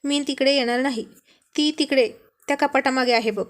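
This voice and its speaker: A woman's voice: sits high, fairly even intonation, normal speed, close to an everyday voice. Woman voicing a squealing, stubborn young wife. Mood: scared, sulky. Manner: squealing, petulant complaints. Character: young wife, scared of a lizard, fussy and stubborn.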